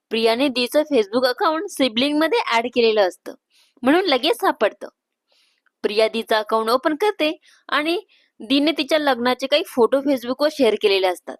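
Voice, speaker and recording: A woman storyteller reading a family story aloud in a calm, steady narration. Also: high-pitched, dry recording, studio quality.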